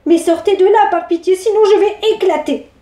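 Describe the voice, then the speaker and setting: A high, sweet little boy's voice, as a woman puts it on. He is clever and mischievous, polite one moment and cheeky the next, with an echoey room around him. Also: brisk, warm tone. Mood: pleading. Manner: polite and mischievous, then talks back.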